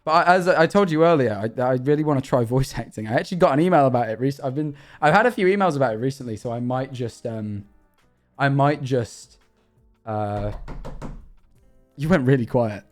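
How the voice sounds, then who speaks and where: A man's voice: mid-range voice, animated, brisk, faint music behind. A young British man chatting casually on a livestream, joking and rambling with frequent restarts. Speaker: streamer.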